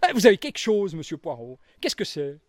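A man voicing an excited, eager young woman in a storybook reading, pleading and breathless. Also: sits high, fairly quick, no echo, voice pushed up.

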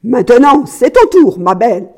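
A woman voicing a cruel, menacing nobleman husband who barks his demands loudly. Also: sits high, animated, a little slow, exaggerated voice. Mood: furious. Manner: growling, barking demands.

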